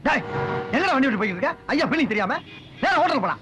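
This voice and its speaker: A man's voice: very high-pitched, sing-song, racing. Teasing chattering comic man. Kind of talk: comedy sketch dialogue.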